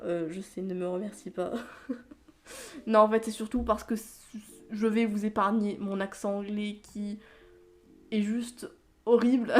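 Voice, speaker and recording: A woman chatting casually as a book vlogger, rambling, stumbling over words and laughing at herself. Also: medium pitch. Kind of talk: casual chat.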